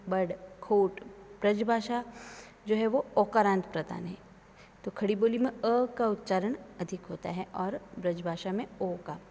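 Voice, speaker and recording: A woman giving an online lecture, explaining slowly and carefully with lists of examples. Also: mid-range voice, a little mellow, big-room sound. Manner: slow, measured explanation with listed examples.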